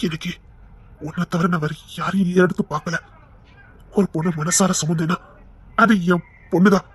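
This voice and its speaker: A man playing a rough but remorseful husband who earnestly begs his wife to leave, in an audio drama. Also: sits high, steady tone, moderate pace, a bit bright. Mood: pleading. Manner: earnest, pleading, sorrowful. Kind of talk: Tamil audio story acting.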